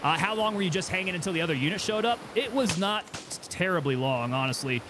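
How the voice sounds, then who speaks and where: A man's voice: high voice, animated, fast talker, noisy background. A man giving casual gameplay commentary, thinking aloud and chatting with teammates as he plays. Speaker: gaming streamer.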